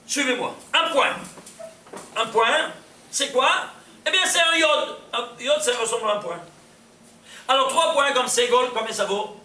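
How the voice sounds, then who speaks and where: A man teaching a lively Torah lecture, quizzing his audience and laughing often. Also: very high voice. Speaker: rabbi teaching. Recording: echoey room from far off, faint hiss.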